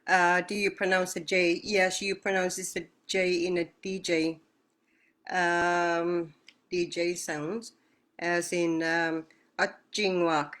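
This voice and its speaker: A woman's voice: fairly low pitch, little pitch movement, slow pace, a bit bright. A woman teaching a language lesson on a video call, patiently repeating words and answering questions.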